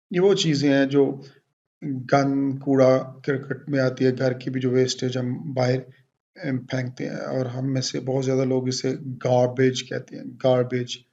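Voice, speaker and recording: Very slow, deliberate male pronunciation teacher. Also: medium pitch, level tone, a little mellow, lo-fi sound. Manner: slow, deliberate, repeats each word several times; mixes English with Hindi explanations. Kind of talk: pronunciation lesson.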